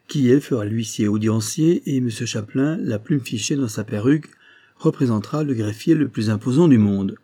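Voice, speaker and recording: A man's voice: mid-range voice, normal speed, warm tone, close to an everyday voice. A man reading aloud, voicing a jovial, commanding noble prince who speaks in a lordly, exclamatory way. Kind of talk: audiobook reading.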